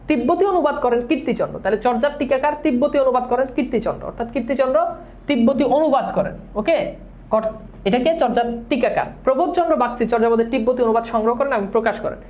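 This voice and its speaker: Fast-talking teacher drilling questions. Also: male voice, very high voice, a little mellow. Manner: drills questions and answers repeatedly; talks fast, as he admits. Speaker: exam-prep teacher. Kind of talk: online exam-prep lecture.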